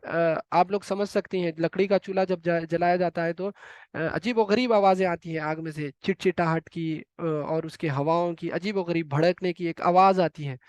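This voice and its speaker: A man with a high voice gives an earnest Quran lesson over a video call. He talks vividly and often sinks to a hushed murmur for short pious phrases. The sound is dry and close. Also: steady tone, clear, resonant tone, no echo. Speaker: Quran teacher.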